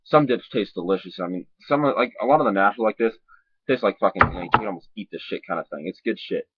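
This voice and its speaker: A man talking with a lip full of dip, giving a casual, rambling, sweary and halting review to camera. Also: on the low side, slightly rough, no echo. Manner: sweary, informal, halting and repetitive. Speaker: dip reviewer on a video channel. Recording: dull lo-fi sound.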